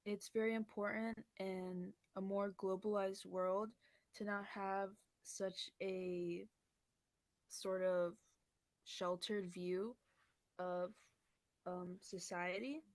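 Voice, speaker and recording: A young woman from the United States speaking as a panelist in a casual student podcast, measured and with some fillers. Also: medium pitch, little pitch movement, dry recording.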